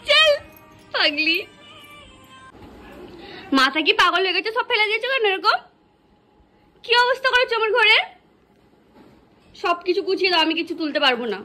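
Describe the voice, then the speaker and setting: A woman talking casually into a phone camera at home for her vlog, at times speaking softly so a sleeping child stays asleep. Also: very high-pitched, animated, fast, pauses often, soft background music. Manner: soft hushed talk so a sleeping child won't wake. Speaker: vlogger. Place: home room.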